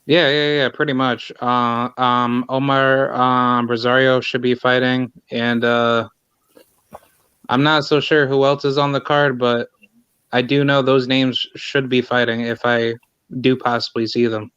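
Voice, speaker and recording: A man in a casual podcast chat, easygoing and hesitant, filling pauses as he goes. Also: medium pitch, little pitch movement, a bit bright, smooth, no room sound. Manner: hesitant, easygoing, laughs along. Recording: dry lo-fi audio.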